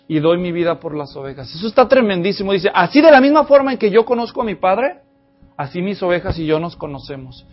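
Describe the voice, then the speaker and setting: A man preaching an expository sermon, addressing the congregation directly with animated energy. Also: high voice, muffled recording. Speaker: pastor.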